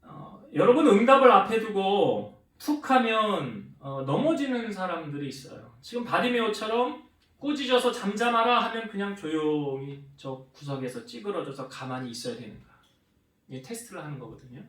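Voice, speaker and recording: Male pastor, animated sermon voice, echoey sanctuary, mic set back. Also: moderate pace. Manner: asks the congregation questions and answers them himself; acts out quoted speech with shifts in pitch and loudness. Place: church sanctuary. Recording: roomy church hall with the mic some distance away.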